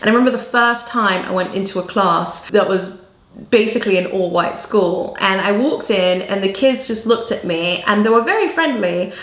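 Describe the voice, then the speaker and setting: A woman's voice: mid-range voice, normal speed, roomy sound. Earnest woman with a mixed accent. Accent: mixed African and American-learned English. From southern Africa. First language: not English. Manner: animated, earnest storytelling with quoted asides. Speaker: vlogger. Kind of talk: personal storytelling.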